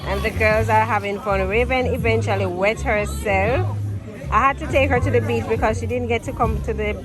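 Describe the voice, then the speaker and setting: A woman's voice: a little high, steady tone, normal speed, crowd noise. A woman in her thirties, a mom vlogging her family weekend in a chatty, casual way. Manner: chatty, coos and baby-talks to her daughters. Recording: noisy phone recording.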